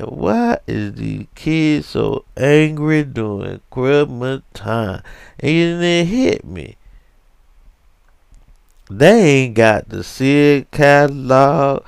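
A tipsy, grumbling old uncle, as a podcast host puts him on, rambling loud and slow with a gravelly rasp. He drawls his slang with lively swings in pitch. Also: no room sound, heavily acted. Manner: rambling, slurred slang, drawn-out storytelling. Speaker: comic character on a podcast.

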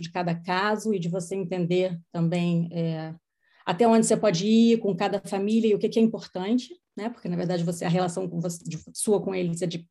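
A middle-aged woman psychologist telling stories from her practice in a podcast conversation, acting out what people said. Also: lowish voice. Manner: storytelling, animated quoting of others. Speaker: child psychologist.

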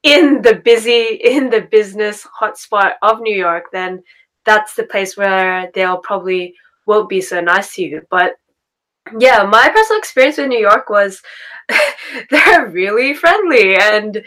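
A woman from Australia with an Australian accent hosts a casual podcast conversation. She talks in a chatty, loose way, laughs often and leans on repeated words for emphasis. Her pitch sits in the middle range for a woman. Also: expressive, measured pace, fairly bright tone, rough recording. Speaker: podcast host.

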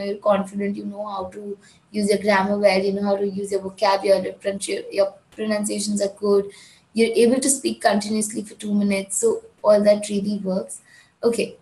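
An Indian IELTS tutor with a Gujarati English accent gives an instructional speaking lesson, firm and direct, repeating key points. Her mid-range voice is level, brisk and a little mellow, with roomy sound and poor audio.

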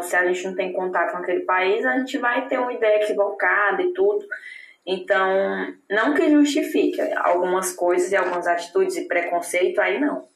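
Chatty woman from northern Brazil, echoey. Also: mid-range voice. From Tocantins, northern Brazil. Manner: chatty, many "né?" tags. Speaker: interviewee living in Germany. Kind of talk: casual interview chat.

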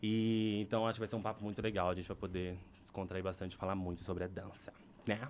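A man's voice: low-pitched, little pitch movement, fast, a little mellow, a little hiss or hum. A man with a Brazilian accent hosting a podcast, talking in a playful, campy, teasing way. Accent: Brazilian Portuguese. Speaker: podcast host. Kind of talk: casual podcast chat.

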